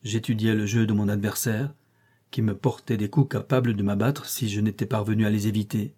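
A man narrating a classic short story in the first person, reading in a measured, literary manner. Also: lowish voice, steady tone, mellow, husky. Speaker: audiobook reader.

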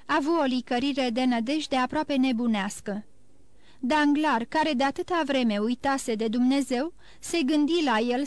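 A woman narrating an audiobook in an even, measured reading. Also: high voice, no room sound. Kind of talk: scripted narration.

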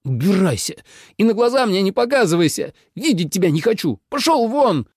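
A man reading an audiobook voices a hot-tempered young emperor who shrieks in a high, strained voice. The outbursts are shrill and furious, with a gravelly edge underneath, and the recording is close and dry. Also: sing-song, moderate pace, darkish tone, no echo, exaggerated voice. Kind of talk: audiobook character voice.

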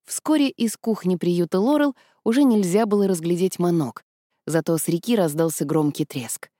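Woman narrating an audiobook, low and dry. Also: normal speed, no echo. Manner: steady storytelling, shifting voices for characters. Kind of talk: scripted narration.

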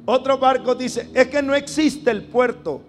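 Slow, high-pitched emphatic male preacher. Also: slight background noise. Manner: emphatic, drawn-out phrasing, calls for congregation to repeat. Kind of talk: sermon.

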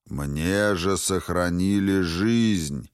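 A man voicing an ancient, wrathful ghost dragon in an audiobook, speaking slowly and solemnly. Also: sits low, smooth, no room sound, studio quality. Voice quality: slow, heavy, solemn delivery.

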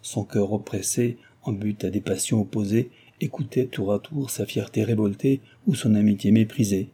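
Deep, husky male audiobook narrator. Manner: measured, even storytelling. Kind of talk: literary audiobook reading.

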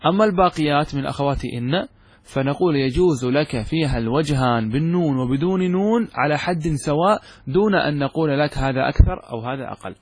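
A man, a sheikh, giving a grammar lesson, explaining step by step and often asking the class whether it is clear. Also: fairly high pitch, fast, dry recording. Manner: explains step by step, often checking understanding with questions. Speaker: sheikh teaching Arabic grammar. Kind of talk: classroom lecture explaining a text.

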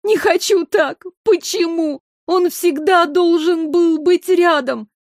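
A woman's voice: on the high side, animated, unhurried, no room sound, clean studio sound. A woman doing a fiery, hot-tempered young woman. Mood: sobbing. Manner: sharp and shouting.

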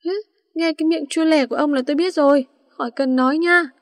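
A woman's voice: high-pitched, a little fast, no echo, studio quality, voice pushed up, lightly acted. Woman reading as a feisty, sassy young student girl. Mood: indignant. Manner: sassy, indignant. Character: feisty young female student, hot-tempered.

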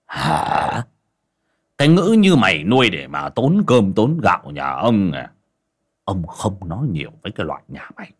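A man voicing a cruel, scornful wealthy moneylender who sneers and barks insults and orders, with a husky voice. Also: low-pitched, sing-song, normal speed, heavily acted. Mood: sneering.

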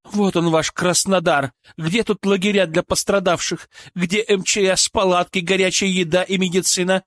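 Reading an audiobook, a man voices a bitter, furious woman, a former shop clerk and mother, who harshly shouts accusations and insults. He speaks naturally at a moderate pace in a high voice pitched above his own. The sound is clean studio audio with no room sound.

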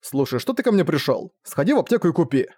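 A man's voice: on the high side, very animated, fast, a little mellow, no echo, studio quality. A man voicing an irritable, determined young magic student who talks in a curt, dismissive way.

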